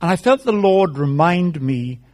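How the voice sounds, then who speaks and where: A man from South Wales with a Welsh accent, a guest preacher giving a conversational sermon told as stories with gentle humor. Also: on the high side, expressive, a little slow.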